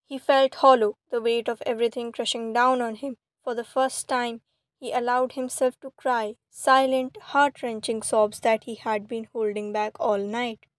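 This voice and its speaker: A woman's voice: fairly high pitch, level tone, moderate pace, no room sound. Woman reading fan fiction, level tone. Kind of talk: storybook narration.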